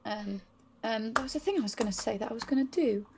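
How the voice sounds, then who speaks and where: Female tabletop player, fairly high voice, casual and rambling as she talks through her turn. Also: fast, over a noisy crowd. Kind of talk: casual game chat.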